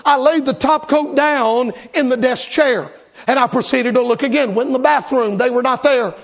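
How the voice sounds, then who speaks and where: A man preaching, his voice sitting very high yet gravelly with fry. He tells a long personal story and drives it toward animated, repeated refrains. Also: moderate pace. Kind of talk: storytelling sermon.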